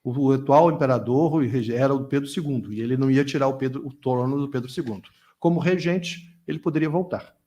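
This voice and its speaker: A man's voice: mid-range voice, fast, dark tone. A middle-aged man answering questions as a guest lecturer at a conference, talking discursively with frequent restarts and repeated words.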